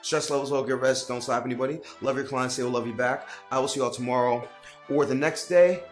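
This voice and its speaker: A man's voice: mid-range voice, steady tone, quick pace, soft background music. Man giving earnest fitness-coaching advice. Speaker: personal trainer giving advice to trainers. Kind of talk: direct-to-camera advice vlog.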